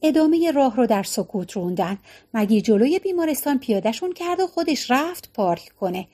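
A woman narrating a novel as an audiobook, in a high voice. She tells the story in a steady, even manner.

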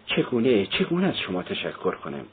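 A man's voice: on the low side, huge pitch swings, slightly rough, full character voice. A man voicing a fearful pleading old mother. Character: elderly anxious mother, tearful and pleading. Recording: tinny phone-like sound.

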